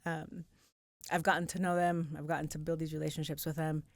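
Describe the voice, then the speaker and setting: Female guest, low voice, heartfelt and open, dry close studio sound. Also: little pitch movement, a little fast, dry recording. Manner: heartfelt, warm-spirited, emotionally open. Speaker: police community outreach coordinator, guest. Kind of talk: casual interview conversation. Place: podcast studio.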